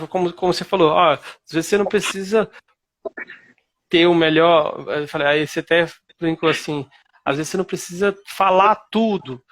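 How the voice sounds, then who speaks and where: Brazilian man, high voice, lively storytelling testimonial, acts out his own lines. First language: Portuguese. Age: adult. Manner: animated, acts out his own past remarks. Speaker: English student giving a testimonial.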